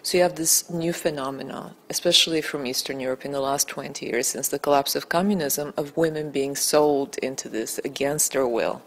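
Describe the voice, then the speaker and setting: A Bulgarian woman in her thirties, a documentary film-maker, answers interview questions earnestly and articulately, building emphasis as she goes. Her voice is low, her pace normal, with hardly any pauses, captured on a handheld mic held by the interviewer in a small indoor room. The recording quality is low.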